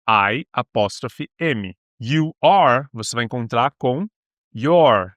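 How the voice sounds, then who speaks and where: A man's voice: medium pitch, a bit bright, no echo, studio quality. Patient Brazilian man teaching basic English. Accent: Brazilian Portuguese. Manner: patient, step-by-step explaining, slows down for English words. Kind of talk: beginner English lesson.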